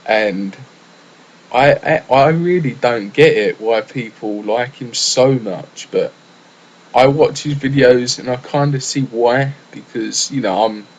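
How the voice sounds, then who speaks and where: A man's voice: medium pitch, slow, poor audio. A young English man rambling casually through a solo gaming podcast, full of fillers and restarts. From England.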